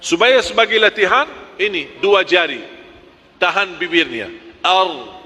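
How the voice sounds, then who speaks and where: A man's voice: high-pitched, lively intonation, moderate pace, pushed and bright, in a large hall. A man teaching Quran recitation, drilling letters one by one and chanting examples, correcting sharply.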